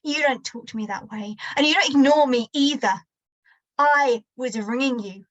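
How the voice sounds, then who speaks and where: A woman reading a story aloud, voicing an angry, bullying father who shouts at his wife. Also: sits high, normal speed, dull audio. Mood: menacing. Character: angry abusive father, middle-aged man. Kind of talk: audiobook-style story reading.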